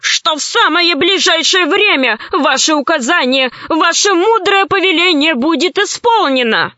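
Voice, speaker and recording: A woman's voice: very high-pitched, animated, unhurried, bright, forceful tone, dry recording, voice pushed up, exaggerated voice. A woman doing a stammering, frightened old scientist. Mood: pleading. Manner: pleading, stammering, fawning. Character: frightened elderly male scientist. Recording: slightly dull, dry recording.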